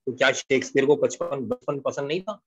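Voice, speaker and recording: A man giving a poetry lesson, explaining slowly and repeating key lines while switching between Hindi-Urdu and English. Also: medium pitch, fairly bright tone. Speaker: English literature teacher. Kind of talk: classroom-style poetry lecture.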